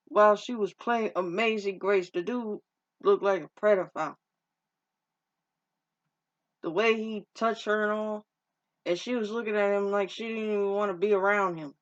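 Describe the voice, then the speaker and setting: A woman casually recapping a movie's plot in a rambling, informal way, often restarting her sentences and using slang. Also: medium pitch. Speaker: movie reviewer. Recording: dull lo-fi recording.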